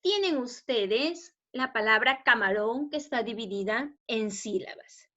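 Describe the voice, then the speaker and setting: Peruvian woman teacher, patient and explanatory, slightly high voice, slow pace, dull lo-fi audio. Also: animated, bright, forceful tone. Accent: Peruvian Spanish. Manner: patient, explanatory, asks rhetorical checks. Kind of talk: spelling lesson for students. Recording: dull lo-fi recording.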